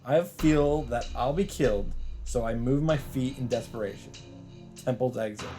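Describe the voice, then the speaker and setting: A man hosting a let's play of a visual novel reads the text aloud dramatically, in a mellow, medium-pitched voice at normal speed, with faint game music behind him.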